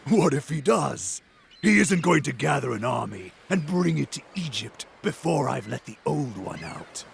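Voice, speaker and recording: An actor playing a curt, scheming villain in a game cutscene. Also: male voice, on the high side, sing-song, normal speed, gravelly, slight background noise, exaggerated voice. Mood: cold.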